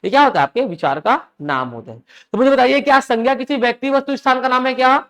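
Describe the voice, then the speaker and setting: A male English teacher with a very high-pitched, slightly bright voice gives a live classroom lecture in Hindi mixed with English, speaking fast with lively intonation. He keeps asking the students questions to check they're following, and repeats key phrases and examples for drilling.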